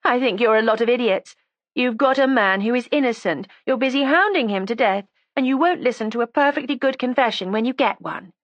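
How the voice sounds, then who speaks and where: A woman's voice: fairly high pitch, brisk, no echo, dull audio, voice pushed up, lightly acted. A woman reading an audiobook, voicing a resentful, defiant young woman with a sarcastic, combative edge. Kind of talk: audiobook character voice.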